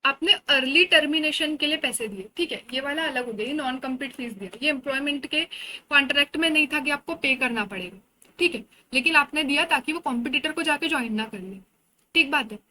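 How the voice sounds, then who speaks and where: A woman's voice: high-pitched, a little fast, bright, forceful tone, low-quality recording. A woman with an Indian accent giving an exam-oriented lecture, explaining in a conversational way with everyday examples. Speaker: teacher.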